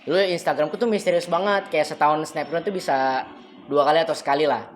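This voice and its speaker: A man's voice: on the high side, fairly even intonation, fast talker, faint music behind. A young man speaking as a guest and event MC, casually giving advice in colloquial language and acting out bits of dialogue. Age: young adult. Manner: colloquial, chatty, acts out quoted dialogue.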